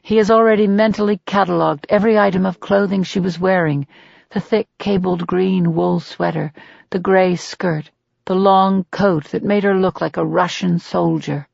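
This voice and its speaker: A woman narrating a dark thriller audiobook in a measured, steady, deliberate reading, recorded with slightly dull audio. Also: on the low side, gravelly, no room sound.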